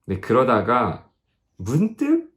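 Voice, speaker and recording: A man's voice: mid-range voice, wildly swooping pitch, slow, a bit bright. A middle-aged man preaching to teenagers at a youth camp, telling a personal story and acting out the quoted dialogue with rising emphasis. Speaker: missionary speaker at youth camp.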